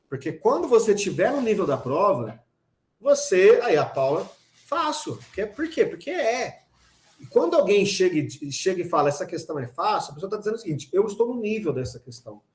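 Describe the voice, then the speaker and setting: A man with a Brazilian Portuguese accent teaching a lively online grammar class, talking straight to his students with teasing asides. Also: sits high, reverberant.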